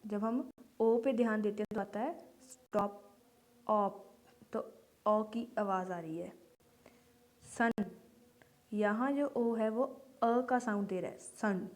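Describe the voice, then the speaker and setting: Slow, patient woman teaching phonics. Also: medium pitch, darkish tone. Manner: patient, repeats example words slowly. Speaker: English teacher. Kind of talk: slow phonics lesson for beginners.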